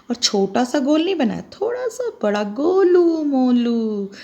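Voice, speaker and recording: A woman's voice: a little high, darkish tone. A middle-aged woman teaching children to write letters, spelling them out one at a time with patient explanations. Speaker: Hindi teacher. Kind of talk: handwriting lesson for children.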